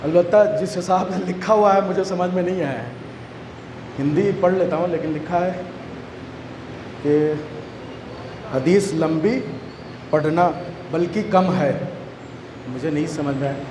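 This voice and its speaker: A man with an Indian Urdu accent preaching a majlis sermon, shouting repeated refrains in a half-sung rhythm. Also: on the high side, pauses often. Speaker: majlis orator. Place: mourning gathering hall. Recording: echoey hall with crowd and noise.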